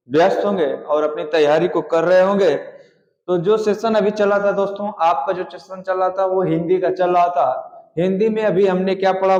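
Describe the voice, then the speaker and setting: A man's voice: high-pitched, a little mellow. A man teaching an exam-prep grammar lesson in an explanatory way, often calling the students his friends. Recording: echoey room, dull lo-fi sound.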